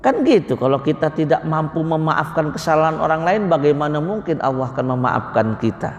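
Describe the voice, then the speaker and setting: A middle-aged man giving a conversational mosque sermon as a preacher, telling lively stories and acting out everyday dialogues. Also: fairly high pitch, a little fast, highs cut off, a little hiss or hum. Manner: lively storyteller who acts out everyday dialogues. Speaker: Islamic preacher. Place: mosque hall. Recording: long reverb of a mosque hall.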